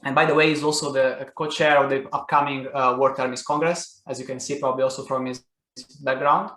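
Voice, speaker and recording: A man's voice: medium pitch, steady tone, fairly quick, pushed and bright. Man hosting a webinar in an echoey room. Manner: frequent uh fillers, polite. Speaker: session host. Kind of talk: introducing a keynote speaker.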